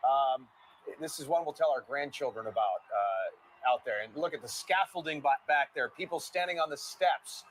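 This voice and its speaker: A man's voice: medium pitch, animated, moderate pace, poor audio. A man co-hosting as a live parade commentator, with casual banter. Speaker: parade coverage co-host. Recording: faint background noise.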